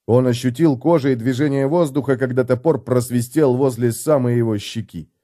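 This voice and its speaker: A man reading fantasy fiction in steady, measured scripted narration for an audiobook. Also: mid-range voice, no echo, studio quality.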